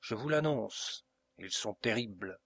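A man voicing a desperate, impassioned nobleman count in an audiobook, pleading with slow, vehement delivery. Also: fairly low pitch, lively intonation, a bit bright, breathy edge, heavily acted. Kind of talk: audiobook character reading.

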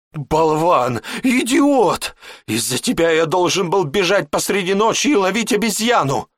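A man's voice: fairly high pitch, a bit bright, dry recording, studio quality, voice pushed up, close to an everyday voice. A man voicing a cruel, furious old male mage who shrieks and screams insults.

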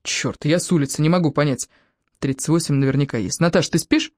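A woman's voice: low voice, a little fast, darkish tone, no room sound, studio quality, natural voice. A woman voicing a reserved young man caring for his sick fiancée.

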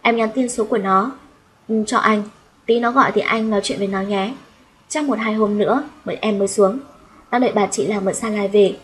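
A woman's voice: medium pitch, fairly even intonation, a little fast, slight background noise, natural voice, rough recording. A woman voicing a friendly, chatty young woman on the phone, in an audiobook reading.

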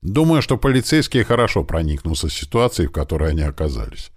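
A man reading a first-person audiobook in a plain, steady storytelling manner. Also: rumbling low, fast talker, husky, no echo, clean studio sound. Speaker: audiobook reader.

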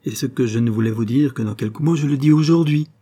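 A man's voice: medium pitch, quick pace, warm tone, husky, voice pushed up, close to an everyday voice. A man voicing an earnest young man declaring his love, with pleading, emphatic phrasing, in an audiobook reading. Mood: impassioned.

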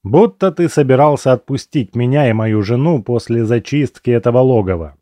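A man's voice: mid-range voice, animated, moderate pace, dark tone, no room sound, lightly acted. A man voicing a foul-mouthed, scornful captive. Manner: swearing, scornful. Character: crude, irritable male captive nicknamed the dentist.

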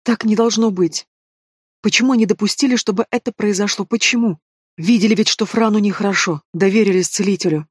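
A man's voice: high voice, fairly quick, husky, no echo, studio quality. A man voicing a desperate young wife of a dying king, pleading and urgent. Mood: anxious.

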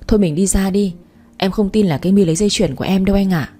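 A woman's voice: mid-range voice, quick pace, dark tone, close to an everyday voice. A woman voicing a scheming young stepmother who speaks in a falsely sweet, wheedling way in a storybook reading. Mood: sly coaxing. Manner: fake pleading, wheedling.

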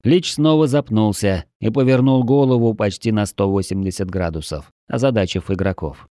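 Brief: male audiobook narrator, warm low voice, steady storytelling delivery, dry booth. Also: moderate pace, dry recording. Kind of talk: scripted narration.

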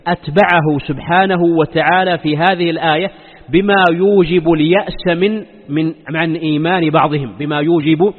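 A man giving a religious lesson in formal standard Arabic as a teacher, deliberate and given to repeating his phrases. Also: on the high side. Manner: deliberate, repeats phrases and poses rhetorical questions. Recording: long hall reverb, dull muffled sound.

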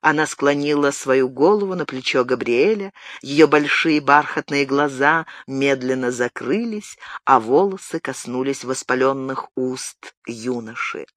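An audiobook narrator reading a romantic novel in a measured, expressive way at a close studio microphone. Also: mid-range voice, no echo. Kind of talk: scripted literary narration.

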